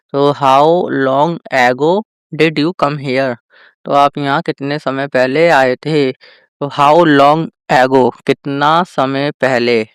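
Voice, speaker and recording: A male teacher giving a vocabulary lesson, addressing viewers as friends and slowly drawing out each example sentence. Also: mid-range voice, clear, resonant tone, no room sound, clean studio sound. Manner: slow, drawn-out example sentences. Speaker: English teacher.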